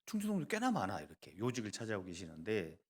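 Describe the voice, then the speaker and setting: A male pastor delivering a sermon, moving between loud emphasis and soft asides and joking with the congregation. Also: on the low side, huge pitch swings, fast, breathy edge.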